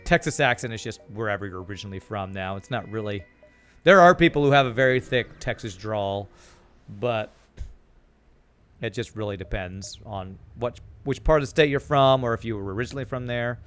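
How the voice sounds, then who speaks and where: A young American streamer from California talks with a fairly low, brisk voice that's clear and resonant. Relaxed and chatty, he plays a game while reading viewer comments aloud and answering them, with faint music in the background.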